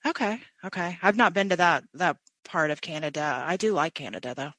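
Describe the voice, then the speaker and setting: Bright, chatty woman hosting an interview. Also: on the low side, expressive, brisk, dry recording, rough recording. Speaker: podcast host. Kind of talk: conversational interview.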